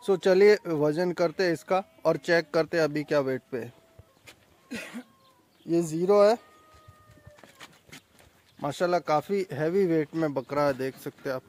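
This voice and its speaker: A young man, a goat farm owner, talking casually outdoors in a boastful sales pitch for his own farm vlog. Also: a little slow, pauses often, a little mellow. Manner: chatty, boastful sales talk.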